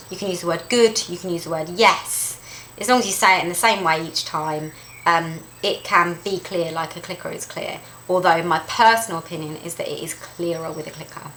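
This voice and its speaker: A woman presenting a dog-training lesson, lively and emphatic, who repeats her key points. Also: mid-range voice, a little hiss or hum, poor audio. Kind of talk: instructional talk to camera.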